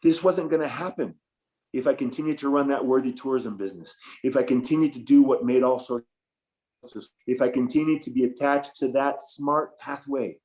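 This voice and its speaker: A man's voice: mid-range voice, normal speed, darkish tone. A middle-aged man speaking as an interview guest over a video call, enthusiastic and reflective, with fillers and restarts. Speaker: guest, photographer and former tour business owner. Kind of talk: casual interview talk.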